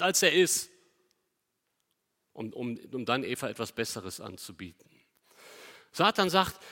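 A medium-pitched man delivers an emphatic sermon in a large hall, posing rhetorical questions to the congregation and alternating loud stresses with quiet passages.

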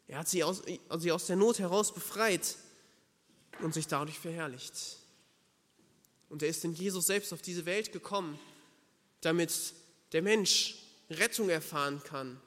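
Earnest, high-voiced male preacher. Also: unhurried, pauses often, a bit bright, long reverb tail. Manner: earnest, emphatic, addresses listener directly. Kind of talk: sermon.

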